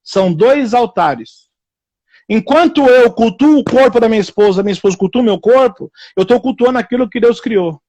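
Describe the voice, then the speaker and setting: Male preacher, high-pitched, dry close mic, animated and repetitive. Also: normal speed, no echo, muffled recording. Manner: repetitive, animated, acts out quoted people in raised voices. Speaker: evangelical preacher hosting a live stream. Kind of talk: informal preaching on a live stream.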